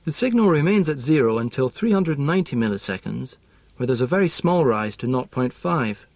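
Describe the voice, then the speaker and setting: A man explaining language teaching in a scripted lesson, speaking in a measured, precise way. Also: mid-range voice, lively intonation, darkish tone, dry recording.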